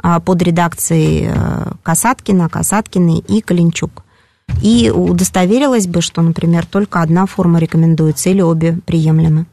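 A woman with a low, gravelly voice answers callers' questions on a radio call-in. She talks in a measured, explanatory way and pauses often to find her words. The sound is close and dry. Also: fairly even intonation, warm tone, dry recording. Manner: measured, explanatory, with frequent hesitations. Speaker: language expert answering callers.

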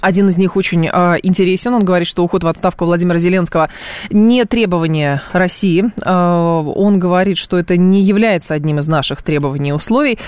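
A woman hosting live radio news talk in a studio, speaking briskly with frequent filler sounds between points. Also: fairly low pitch, darkish tone, clear, resonant tone, no echo. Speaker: radio host. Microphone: studio microphone.

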